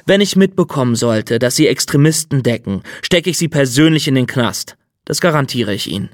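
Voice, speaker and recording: A man's voice: mid-range voice, expressive, brisk, no room sound, clean studio sound, close to an everyday voice. A man voicing a cold, insistent middle-aged state official in an audiobook reading. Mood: threatening.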